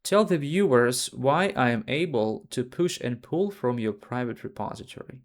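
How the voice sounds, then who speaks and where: A man's voice: mid-range voice, lively intonation, moderate pace. A man co-hosting a live coding tutorial, teacherly, quizzing his partner and correcting her words. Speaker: tutor and co-host. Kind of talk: live screen-share tutorial.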